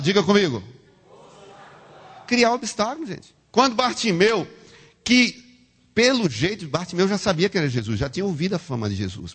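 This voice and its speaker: A man preaching a sermon, animated, calling the congregation to repeat words after him. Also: on the high side, slightly rough. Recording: long hall reverb.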